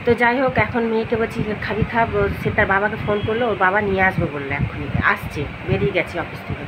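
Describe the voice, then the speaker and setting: A hoarse, unwell middle-aged woman, walking outside at night and chatting straight to her vlog viewers. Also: medium pitch, fairly even intonation, fast. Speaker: vlogger. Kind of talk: casual daily vlog chat. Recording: loud street and traffic noise.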